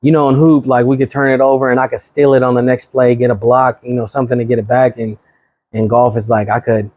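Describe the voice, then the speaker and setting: A man's voice: medium pitch, level tone, quick pace, a little mellow, dry recording. 30s guy from sacramento, real estate agent, chill slangy guest talk, dry close sound. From Sacramento, California. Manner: easygoing, chuckling, slangy. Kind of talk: casual chat.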